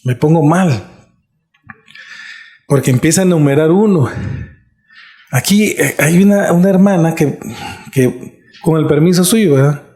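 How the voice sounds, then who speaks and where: In an echoey church, a middle-aged pastor with a voice on the high side preaches a little slowly, mellow and with long pauses. He keeps it earnest and conversational, regularly checking in with his audience.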